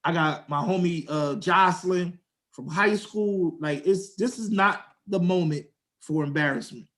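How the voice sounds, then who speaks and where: Young male co-host, high voice, animated slangy storyteller. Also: measured pace. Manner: animated storyteller, slangy, acts out quotes in a raised voice. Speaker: podcast co-host. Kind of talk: casual storytelling chat.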